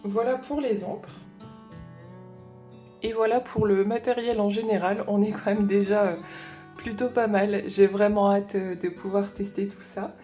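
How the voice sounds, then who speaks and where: A woman's voice: mid-range voice, steady tone, measured pace, mellow, faint music behind. A woman chatting casually in a haul vlog, explaining her craft supplies as she thinks aloud. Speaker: craft vlogger.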